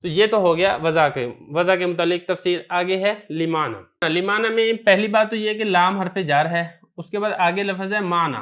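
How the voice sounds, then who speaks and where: A man's voice: high voice, hardly any pauses, a bit bright. A man teaching a recorded lesson, explaining step by step and answering the questions he poses himself. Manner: methodical, poses questions then answers them. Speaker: teacher of Arabic grammar.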